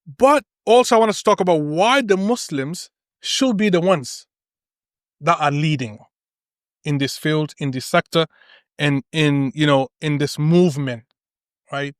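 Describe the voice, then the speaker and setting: A man's voice: on the high side, measured pace, no echo, studio quality. A man hosting a roundtable discussion, talking emphatically and checking in with "right?" and "okay?". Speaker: podcast host.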